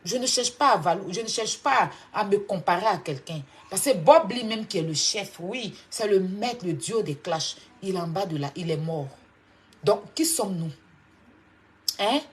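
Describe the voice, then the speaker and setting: A woman's voice: expressive, normal speed. Heated Ivorian woman scolding a rival. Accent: Ivorian French. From Côte d'Ivoire. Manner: confrontational, mocking, swings between loud outbursts and low scolding. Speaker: online commentator. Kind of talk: heated clash monologue.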